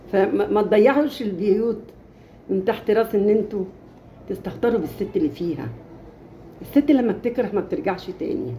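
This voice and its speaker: A woman's voice: medium pitch, warm tone, slight background noise. A woman with an Egyptian accent giving impassioned marriage advice, stressing her points by repeating phrases. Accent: Egyptian Arabic.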